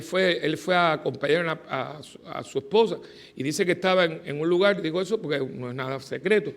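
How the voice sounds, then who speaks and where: Middle-aged priest, high tenor voice, preaching with big swings between shouts and quiet asides. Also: male voice. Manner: animated, swings from loud exclamations to soft confiding asides. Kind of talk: sermon.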